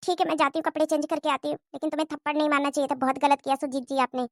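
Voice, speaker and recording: An outspoken young daughter-in-law from a cartoon moral story argues back in an indignant manner, played by a woman. Her voice is high and pushes hard in every line. The recording is dry, with no room sound. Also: flat delivery, very fast, no room sound. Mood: hurt. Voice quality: indignant, argumentative.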